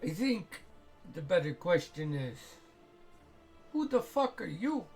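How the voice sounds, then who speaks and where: Casting: man as tabletop-game guard, higher-pitched male, slow, measured, suspicious, politely threatening. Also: very animated, darkish tone, faint music behind, exaggerated voice. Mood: hostile. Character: suspicious, menacing male property guard questioning intruders.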